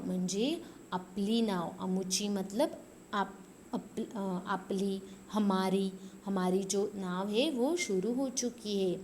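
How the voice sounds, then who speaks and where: Slow-spoken woman teacher explaining a poem. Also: medium pitch, dark tone, a little hiss or hum. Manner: explains slowly, mixing Marathi and Hindi; recites poem lines in a lilting sing-song. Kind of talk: poem lesson for school children.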